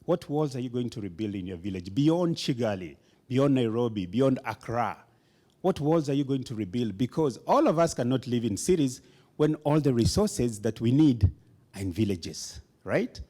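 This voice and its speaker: A man's voice: medium pitch, lively intonation, moderate pace, mellow. A man giving a rousing conference speech in a hall, emphatic, leading the audience in call-and-response chants. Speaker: motivational speaker.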